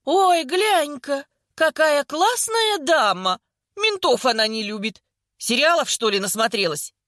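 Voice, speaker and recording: A woman voicing a sharp-tongued older woman in a hospital bed, hoarse and sarcastic, teasing without mercy. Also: a little high, sing-song, normal speed, dry recording, studio quality. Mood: mocking.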